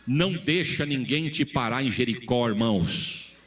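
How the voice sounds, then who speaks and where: A man's voice: mid-range voice, moderate pace, a bit bright. A middle-aged man, a pastor from Brazil, preaching a folksy sermon full of acted-out dialogue and humor.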